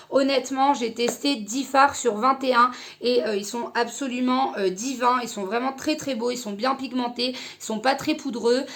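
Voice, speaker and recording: A young woman casually reviewing an eyeshadow palette, hesitant with many fillers. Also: a little high. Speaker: beauty vlogger.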